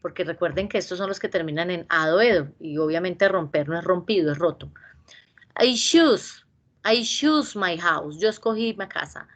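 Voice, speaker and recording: A woman teaching an English class, patiently repeating verb forms slowly. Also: lowish voice.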